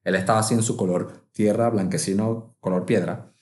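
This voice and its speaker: Animated man telling a comic story. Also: lowish voice, a little fast, echoey room. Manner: animated, vivid, full of sound effects and acted-out inner voices. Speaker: travel vlogger.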